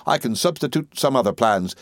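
A man voicing a kindly, cheerful elderly schoolmaster with a gentle, genial manner. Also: medium pitch, lively intonation, a little fast, no room sound, studio quality, pitched above the performer's own voice, natural voice.

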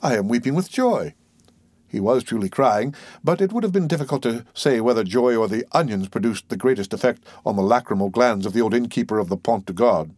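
A man reading a classic novel aloud as an audiobook narrator, in a steady, measured way, close to the mic. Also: mid-range voice, no room sound. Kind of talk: scripted narration.

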